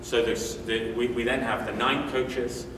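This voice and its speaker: A British man in his forties speaks at a conference with medium pitch, fairly even intonation and a measured pace, keeping it conversational with frequent fillers and restarts. He is indoors in a medium-sized hotel meeting room, captured by a distant room mic in a noisy, echoey recording.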